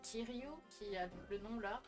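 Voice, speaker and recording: A woman's voice: fairly high pitch, measured pace, over music. A woman game streamer chatting casually and effusively, giggling and poking fun at herself. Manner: giggly, effusive, self-deprecating. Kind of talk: casual live-stream chat.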